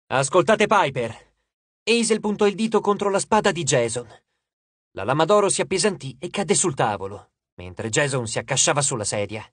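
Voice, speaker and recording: Expressive male audiobook narrator. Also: a little high, no echo. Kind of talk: scripted narration.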